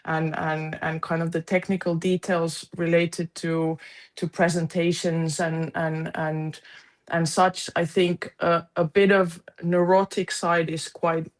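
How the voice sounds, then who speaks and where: A woman's voice: on the low side, flat delivery, takes it slowly. A woman on a video call introducing her tech role, talking hesitantly and searching for words. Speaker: conference events board member. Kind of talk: casual video-call chat.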